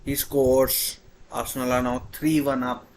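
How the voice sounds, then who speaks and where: A man commentating live on a football shootout as an anxious fan, halting and repeating his phrases. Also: medium pitch, level tone, darkish tone. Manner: halting, hesitant delivery. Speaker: football watchalong host.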